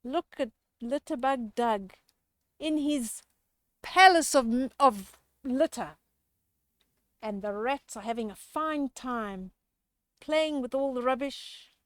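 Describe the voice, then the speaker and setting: A woman storyteller with a high voice reads a children's picture book aloud, stretching words out for expressive emphasis and asking young listeners chatty questions. There is no echo.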